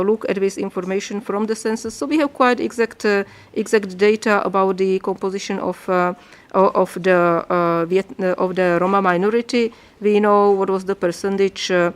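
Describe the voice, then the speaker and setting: A woman explains her country's position before a committee in formal testimony. She hesitates often, restarting phrases and filling gaps as she searches for her English. Her voice sits at a middling pitch. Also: smooth. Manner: hesitant, many fillers and restarts. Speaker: state delegation member answering a UN committee.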